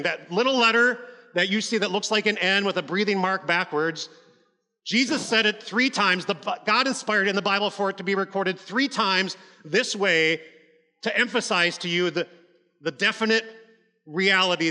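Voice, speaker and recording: A man's voice: sits high, moderate pace, bright, forceful tone, in a large hall. A male pastor preaching a sermon in a conversational, emphatic way, with frequent restarts and asides.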